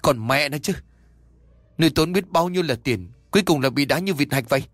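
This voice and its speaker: A man's voice: fairly high pitch, expressive, a little fast, fairly bright tone, dry recording. A man doing a coarse, cursing gambler. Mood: angry. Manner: cursing, muttering. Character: coarse gambling husband, young man, bitter.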